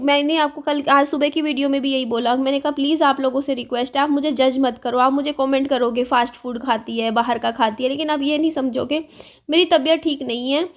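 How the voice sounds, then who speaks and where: A woman in her thirties chatting casually to her viewers, low-spirited and confiding, her throat sore and strained so she keeps clearing it. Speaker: vlogger. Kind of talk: casual chat to camera.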